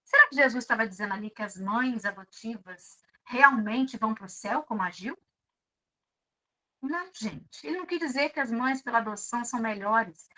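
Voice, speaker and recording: A middle-aged woman with a Brazilian Portuguese accent preaching to a seminar audience in a bright, ringing voice. She talks in an intimate, pleading way, turning to her listeners often. Her pitch sits high for a woman. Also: expressive, moderate pace, low-quality recording. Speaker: speaker at a spiritist seminar. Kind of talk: devotional talk.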